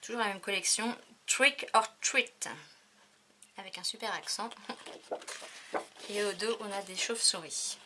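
A woman's voice: medium pitch, fairly even intonation, moderate pace, long pauses, background noise. A French woman chatting casually through a crafting haul video, with many fillers as she shows her purchases. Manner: chatty, many fillers, counting and showing items. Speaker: crafting vlogger.

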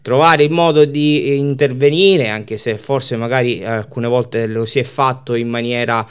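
A male host in his thirties talks on a football fan show. His voice is smooth and clear. He speaks hesitantly in long, winding sentences into a studio mic. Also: mid-range voice, steady tone, unhurried. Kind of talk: live fan talk show commentary. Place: small indoor studio office.

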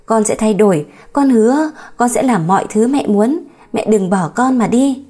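A woman's voice: medium pitch, normal speed, dark tone, natural voice. A woman voicing a remorseful young husband in an audiobook story, emotional and pleading.

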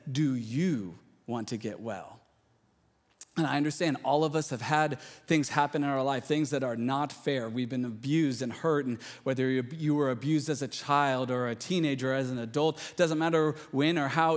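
A man's voice: mid-range voice, big-room sound. A man preaching a sermon as a church pastor, speaking in an earnest, conversational way, often restarting his sentences. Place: church sanctuary.

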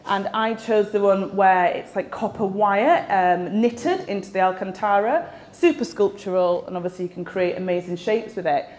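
Into a handheld mic in a large event space, a young West Yorkshire woman gives a chatty, filler-heavy presentation at a tech meetup. Her medium-pitched, darkish voice keeps a fairly even intonation at normal speed, with hardly any pauses.

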